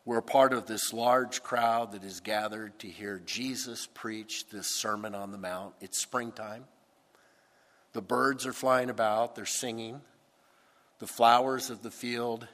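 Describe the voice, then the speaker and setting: A pastor preaching a sermon into a pulpit microphone, with a deliberate, emphatic delivery. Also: male voice, medium pitch, a bit bright. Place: church sanctuary. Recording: long church hall reverb.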